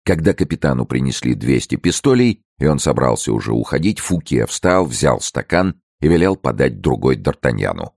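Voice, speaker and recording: A man narrating an audiobook in a steady, serious storytelling manner. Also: very deep voice, normal speed, creaky, hardly any pauses, dry recording, clean studio sound. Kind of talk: scripted narration.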